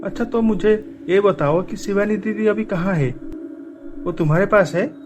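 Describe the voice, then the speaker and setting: A man voicing an earnest, determined young uncle in an animated story, asking questions and looking for the truth. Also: high-pitched, normal speed, background noise, natural voice.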